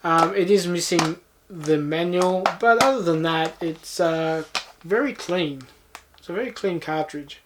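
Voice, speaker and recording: A man's voice: fairly high pitch, unhurried, background noise. A man hosting a game collecting video, chatting casually in an understated, unscripted way. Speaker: host of game collecting channel. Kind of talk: casual chat to viewers.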